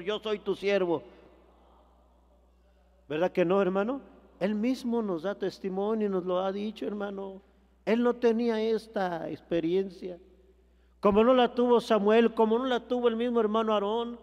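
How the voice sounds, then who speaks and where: A man preaching a sermon, addressing the congregation as brothers, with rhetorical questions and drawn-out phrases that swell louder at the peaks. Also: sits high, big-room sound, highs cut off. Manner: preaching with repeated calls of "hermano" and rhetorical questions.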